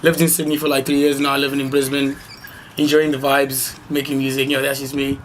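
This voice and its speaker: A man's voice: medium pitch, completely flat delivery, brisk. Laid-back young Zimbabwean man rapper. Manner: laid-back, rambling, heavy with "like" and slang. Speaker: local hip-hop artist, guest. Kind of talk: casual interview chat. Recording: faint background noise.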